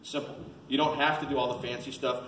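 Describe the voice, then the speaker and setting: A man's voice: medium pitch, level tone, fast talker. A man presenting an informal how-to seminar to a group, plain-spoken and folksy, repeating his points for emphasis. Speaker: seminar presenter, experienced waterfowl hunter. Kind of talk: informal instructional talk to a group. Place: indoor seminar at a museum. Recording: roomy, distant mic with faint noise.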